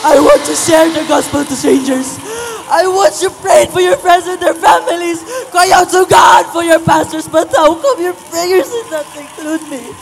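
A performer in a church drama skit playing a tormented soul in hell, sobbing and shouting pleas to family. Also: very high voice, steady tone, a little slow, creaky, long pauses, exaggerated voice, rough recording. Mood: anguished pleading. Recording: loud music underneath.

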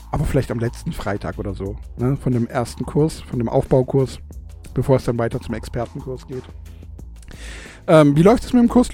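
Speaking into a studio microphone, a young man makes easygoing conversation as host of his own podcast, laughing often and making fun of himself. His mid-range, mellow voice carries a lisp caused by a gap in his teeth.

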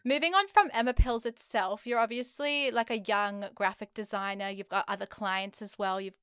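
A young woman co-hosting a podcast, asking relaxed, friendly questions in a casual interview. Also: mid-range voice, normal speed, clear, resonant tone, faint music behind.

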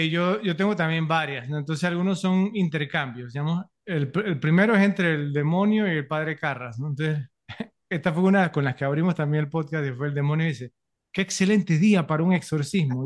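A man co-hosting a film podcast, chatty and easygoing in his delivery. His voice sits a little higher than most men's. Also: a little fast. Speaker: podcast co-host. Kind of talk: casual film podcast chat.

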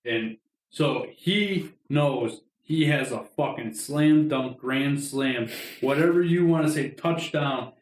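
A man hosting a podcast in casual, jokey chat, animated and swearing a lot. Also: medium pitch, takes it slowly. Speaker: podcast host. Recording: roomy echo.

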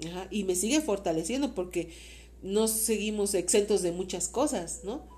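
Earnest Mexican mother, mellow voice. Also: medium pitch, animated, normal speed. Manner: earnest, faith-filled, rambling with many fillers. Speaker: interview guest, mother of the host. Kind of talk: casual heartfelt conversation.

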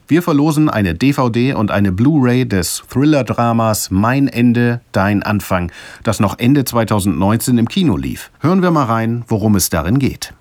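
A man's voice: fairly low pitch, a little mellow, dry recording. A man presenting a podcast from a prepared script as its host.

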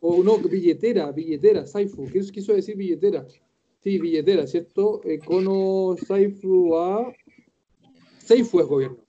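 A Chilean man in his forties teaching Japanese in a casual online class, chatty and slowly drawing out Japanese phrases. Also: sits high, warm tone, lo-fi sound, slight background noise. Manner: chatty, drawn-out Japanese phrases, laughs often.

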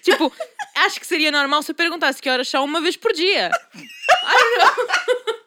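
A woman's voice: sits high, animated, moderate pace, very noisy. A woman, chatting as a podcast co-host, laughing often and mixing English phrases into her talk. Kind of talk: casual chat among sisters.

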